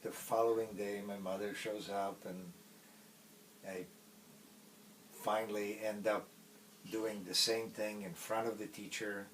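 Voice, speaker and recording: A middle-aged man from Poland with a Polish accent, a native Polish speaker, recalling his past in a casual interview in a halting way with many pauses. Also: on the low side, flat delivery, fairly bright tone, recorded from a distance, a little hiss or hum, rough recording. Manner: halting, pausing often mid-phrase.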